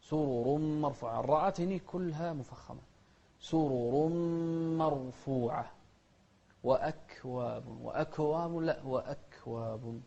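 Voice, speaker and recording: A man's voice: medium pitch, a little slow, gravelly, mellow. A middle-aged man, teaching Quran recitation and correcting common pronunciation mistakes with a firm "no". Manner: contrasts wrong and right pronunciations, firm "no". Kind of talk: tajweed instruction, correcting common errors. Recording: dull lo-fi recording.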